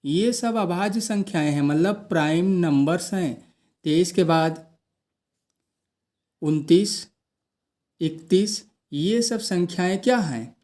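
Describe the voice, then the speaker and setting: A man's voice: high-pitched, slow pace, pauses often, a little mellow. A man teaching a math lesson, posing questions to the class and answering them himself.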